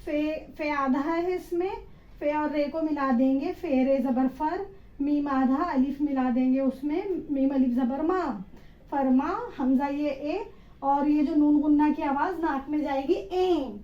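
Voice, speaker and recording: Slow high-voiced woman teaching spelling. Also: fairly even intonation, echoey room, dull audio. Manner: slow, patient, spells out each syllable. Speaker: Urdu teacher. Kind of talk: spelling lesson, reading letter by letter.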